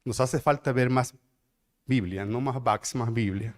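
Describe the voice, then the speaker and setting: A middle-aged man with a Mexican accent, preaching a sermon as pastor, repeating phrases and slowing down to build loud climaxes. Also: medium pitch. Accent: Mexican Spanish.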